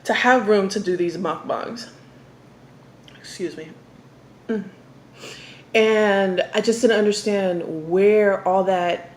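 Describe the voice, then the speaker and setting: A young woman casually telling a story to the camera during an eating show, talking while she eats and pausing for bites. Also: on the low side. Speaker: mukbang vlogger. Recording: echoey room with faint background noise.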